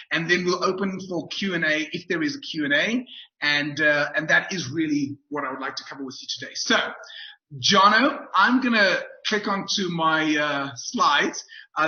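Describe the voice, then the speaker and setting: A man's voice: fairly high pitch, bright, forceful tone. A man giving an upbeat, emphatic webinar talk as a motivational speaker, repeating his key phrases over a video call. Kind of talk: webinar presentation. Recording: roomy, dull video call audio.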